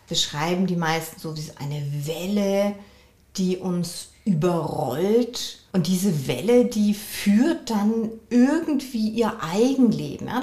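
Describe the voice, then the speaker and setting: A woman coach and couples therapist hosting her own podcast, speaking in a measured, reflective way and often affirming herself with a soft "ja". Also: mid-range voice, echoey room. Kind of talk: calm solo podcast talk.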